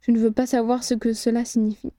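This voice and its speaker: A woman voicing a steady, wary male wizard investigator in an audiobook, speaking firmly and with control. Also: fairly high pitch, fast talker, no echo, close to an everyday voice. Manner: firm and controlled.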